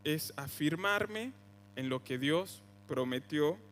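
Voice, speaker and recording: A young man with an Argentine accent, preaching a sermon in a conversational way, his voice jumping higher on quoted cries. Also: expressive, slow pace, a bit bright, in a large hall, a little hiss or hum. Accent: Argentine Spanish (voseo). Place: church hall.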